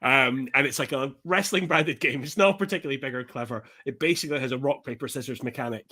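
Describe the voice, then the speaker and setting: A podcast co-host chatting casually, lively and often laughing. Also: medium pitch, quick pace, husky. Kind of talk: casual chat.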